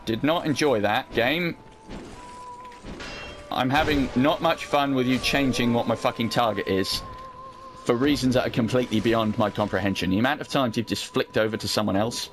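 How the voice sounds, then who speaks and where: A British man giving casual let's play commentary, sweary and wryly understated, as host. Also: mid-range voice. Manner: sweary, dry, wry understatement. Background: video game sound.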